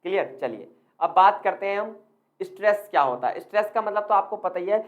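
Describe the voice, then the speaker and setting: A man's voice: sits high, animated, brisk, muffled recording. Male tutor, exam-prep lecture, rhetorical questions, calls viewers friends, English terms mixed in. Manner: keeps asking the listener questions and answering them; mixes English terms into his speech. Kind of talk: explanatory lecture.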